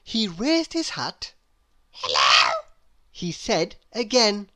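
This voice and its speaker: Speaking in a mid-range voice, a woman narrates a children's picture book with careful, expressive storytelling.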